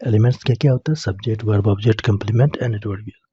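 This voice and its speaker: A man's voice: fairly low pitch, fairly even intonation, very fast, warm tone, slightly rough, no room sound, dull audio. A man teaching English grammar, explaining it step by step and answering his own questions to the class. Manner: repeats questions to students and answers them himself.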